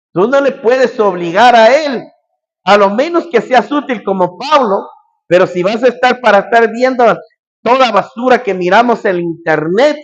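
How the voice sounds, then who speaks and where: High-voiced preacher on a dull recording. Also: male voice. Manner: storytelling with acted quotes and sound words. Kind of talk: sermon retelling a Bible story.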